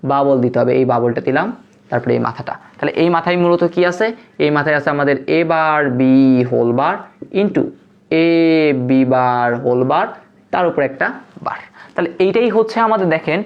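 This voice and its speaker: A woman teaching a live online class, patiently asking questions and answering them herself. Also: lowish voice. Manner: patient, asks and answers her own questions. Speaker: online tutor. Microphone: phone. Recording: dull lo-fi stream audio.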